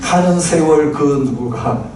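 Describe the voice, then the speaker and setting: A man's voice: fairly high pitch, takes it slowly. A man in his sixties preaching a chatty sermon, often asking the congregation questions, recorded from a distance in a church hall. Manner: chatty, asks the congregation, recites lyrics with laughter. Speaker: pastor. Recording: very echoey hall, distant mic, noisy.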